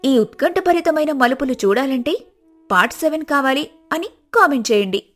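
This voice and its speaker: A woman narrates an animated family story in a dramatic, scripted way. Her voice is high. Light music plays in the background. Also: moderate pace.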